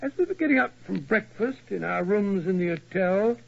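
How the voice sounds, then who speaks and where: An actor playing a genial, blustery doctor who narrates and reacts with easy bewilderment in a 1940s radio drama. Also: male voice, high voice, lively intonation, moderate pace, creaky, full character voice. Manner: blustery, easily startled. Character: genial, bumbling English doctor sidekick. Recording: dull old radio broadcast.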